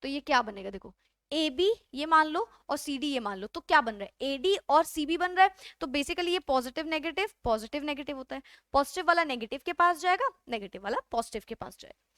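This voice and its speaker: High-voiced woman teaching chemistry. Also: expressive, fairly bright tone, no room sound, clean studio sound. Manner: explains step by step, keeps asking the class questions and answering them; reads English textbook lines slowly. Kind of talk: classroom lecture mixing Hindi and English.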